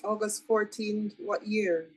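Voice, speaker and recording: A woman pastor hosting an interview, answering with quiet affirming murmurs. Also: medium pitch, fairly even intonation, slow pace, poor audio. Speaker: pastor and host. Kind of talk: interview responses.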